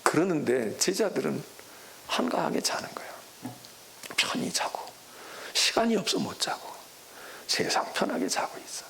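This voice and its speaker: A middle-aged male pastor preaching a sermon who acts out biblical voices, switching between loud exclamations and hushed whispers. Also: on the high side, big pitch swings, moderate pace, gravelly, long pauses. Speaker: senior pastor. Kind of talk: expository sermon.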